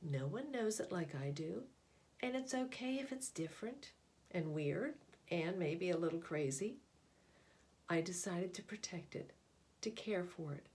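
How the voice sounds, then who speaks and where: A woman whose voice runs lowish reads a picture book to her listeners, storyteller-style, with pauses and deliberate, expressive delivery.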